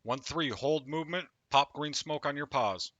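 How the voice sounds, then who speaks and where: A man giving calm, clipped radio fire calls in a military role-play as squad leader. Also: a little high, moderate pace, no echo, lo-fi sound. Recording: faint noise, gunfire behind voice.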